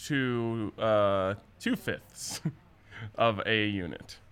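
A man's voice: on the low side, extremely slow, fairly bright tone, clean tone. A man hosting a sports betting show in a casual, chatty style.

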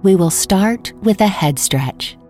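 A woman guiding a relaxation meditation with slow, calm, soothing instructions. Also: mid-range voice, soft background music. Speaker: meditation guide. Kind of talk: scripted guided meditation.

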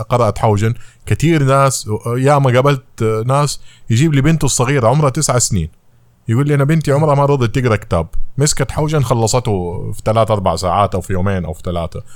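A man, a novelist guest, talking in a casual discussion and telling anecdotes in a rapid flow. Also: mid-range voice, dry recording. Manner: rapid, animated storytelling with quoted anecdotes.

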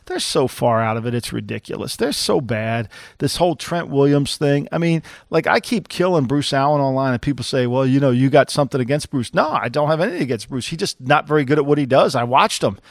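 A man's voice: medium pitch, a little fast, vocal fry, few pauses, no echo, clean studio sound. A man co-hosting a football podcast, blunt and opinionated, rambling with restarts in casual sports talk. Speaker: co-host, former NFL executive.

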